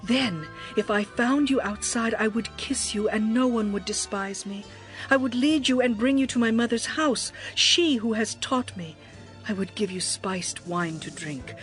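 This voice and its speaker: In a dramatized scripture reading, a woman voices a young bride full of passion and devotion. Her mid-range, natural voice carries a tender, expressive, poetic delivery.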